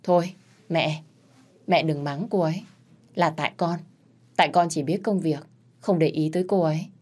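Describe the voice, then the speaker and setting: A woman voicing a busy boss husband who speaks softly and pleads with his wife. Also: low voice, fairly even intonation, normal speed. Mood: pleading. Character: hardworking husband, a boss, gentle and yielding.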